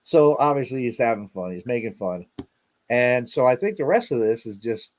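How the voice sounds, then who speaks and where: A man's voice: mid-range voice, animated, normal speed, darkish tone. A man hosting a casual livestream, chatting and rambling as he reacts to video clips he plays. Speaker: show host.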